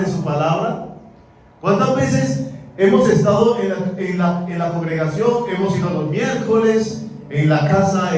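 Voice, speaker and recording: A man preaches with a high yet mellow voice, animated and quizzing his congregation. The very echoey church hall carries the sound, picked up from far off with faint music underneath. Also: slight background noise. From Colombia. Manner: animated, asks the congregation questions. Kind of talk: sermon.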